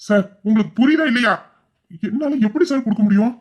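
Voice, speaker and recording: A voice actor playing a hot-tempered young man who shouts in confusion and then turns low and bitter. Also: fast, close to an everyday voice. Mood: confused.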